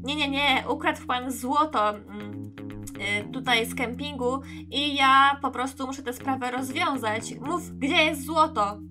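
A woman's voice: high-pitched, a little slow, over music. Woman doing a bossy toy secret agent. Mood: interrogating. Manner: bossy, commanding. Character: self-important male toy secret agent.

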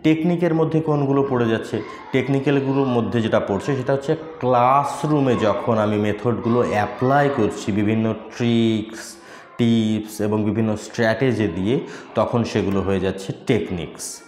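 A man's voice: medium pitch, moderate pace, darkish tone, slight background noise. A man with a Bengali accent giving an exam-prep lecture as a coaching teacher, listing topics one by one with frequent fillers. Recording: echoey room with faint ambience.

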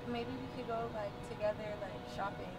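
A woman's voice: mid-range voice, fairly even intonation, brisk, a little mellow. A woman in her twenties from Georgia chatting casually, hesitant and coaxing, with many fillers. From Marietta, Georgia, United States. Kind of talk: casual street conversation. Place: outdoors by a car, later inside it. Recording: noisy outdoor and in-car recording.

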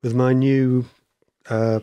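Casting: male podcast host, a bit wheezy and croaky, rambling casual talk, very dry close sound. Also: medium pitch, little pitch movement, slow, dark tone, no room sound. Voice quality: slightly wheezy, a little croaky. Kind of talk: casual chat.

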